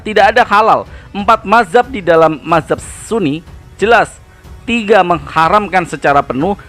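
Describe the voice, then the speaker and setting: Brief: male host, combative polemical reaction commentary, a touch high-pitched, soft music underneath. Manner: mocking, combative. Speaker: channel host.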